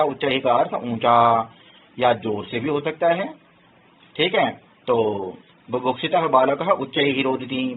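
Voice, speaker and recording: A male teacher giving a patient grammar lesson, explaining word by word and often checking that students follow. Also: mid-range voice. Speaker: Sanskrit teacher. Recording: tinny phone-like sound, faint hiss.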